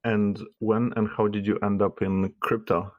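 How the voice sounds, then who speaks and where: A low-voiced man hosts a podcast and asks brief, curious questions in a relaxed way. The recording is dry, with no room echo. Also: measured pace, narrow, tinny audio. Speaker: podcast host. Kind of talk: casual interview.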